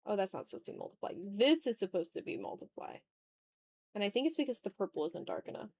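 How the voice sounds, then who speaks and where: Speaking at a quick pace in a sing-song, slightly mellow mid-range voice, a woman hosts an art livestream with no echo. She chats casually while drawing, half to herself and half to viewers, in an informal, self-critical mutter.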